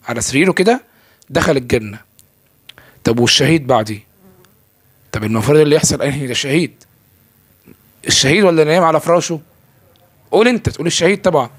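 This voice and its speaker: Rapid-fire Egyptian man preaching casually. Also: fairly high pitch, husky, dry recording. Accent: Egyptian Arabic. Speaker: religious speaker. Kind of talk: casual religious talk to camera. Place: filming himself indoors.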